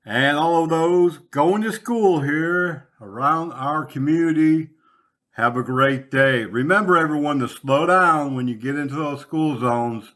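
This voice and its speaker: Slow, measured male radio host. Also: a little high, a bit bright. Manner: measured, friendly announcer delivery. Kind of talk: local radio hosting. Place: radio studio.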